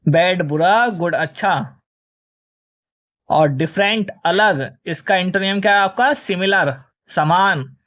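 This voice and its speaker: Speaking slowly in a high-pitched, fairly bright voice, this male teacher runs a vocabulary lesson for exam students on a lo-fi recording. Each word is spelled out letter by letter, followed by its meaning and its opposite, and he calls his students children.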